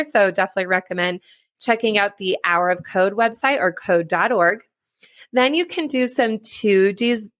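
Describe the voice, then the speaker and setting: Woman, STEM educator, upbeat chatty presentation, self-deprecating laughs, middle pitch, dry close-miked sound. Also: fairly bright tone, no room sound. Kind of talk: presentation talk.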